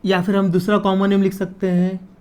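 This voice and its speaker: A man's voice: sits high, monotone, darkish tone. Chemistry teacher, man. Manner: repeats key terms slowly, asks students "clear?". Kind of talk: casual classroom lecture.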